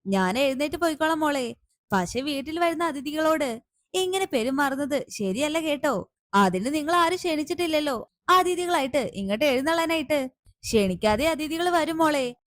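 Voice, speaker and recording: A patient young woman in a retold family drama, as a woman narrator plays her, speaking in a calm, gently firm tone. Her voice is high and dry, recorded close. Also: normal speed, no echo. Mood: gently scolding. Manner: calm, gently reasoning and pleading. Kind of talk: serial recap with acted dialogue.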